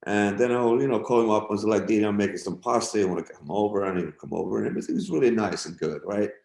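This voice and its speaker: Racing along in a lowish, slightly mellow voice with vocal fry, a middle-aged man who is a guest musician spins stories during a relaxed interview. He swears freely, acts out quotes, and keeps a laid-back manner, all in a roomy, echoey space.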